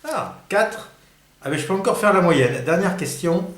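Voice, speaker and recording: A man's voice: high voice, expressive, moderate pace, a little hiss or hum. Musing man in a roomy echo. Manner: mutters and sighs while thinking, then perks up. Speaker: host of a record-collecting channel. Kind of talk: casual solo quiz, thinking aloud.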